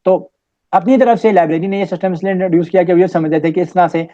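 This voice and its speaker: A man giving a recorded exam-prep lecture, explaining step by step and reading English passages out slowly. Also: sits high, fairly even intonation, warm tone. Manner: explains step by step, mixing Hindi-Urdu with English. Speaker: test-prep teacher. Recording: dull lo-fi audio.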